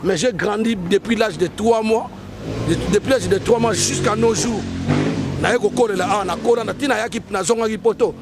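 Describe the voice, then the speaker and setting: A man's voice: high voice, fairly quick, over loud music. A man with a Congolese French accent, talking politics in a heated, emphatic way and repeating his points. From Democratic Republic of the Congo. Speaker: guest.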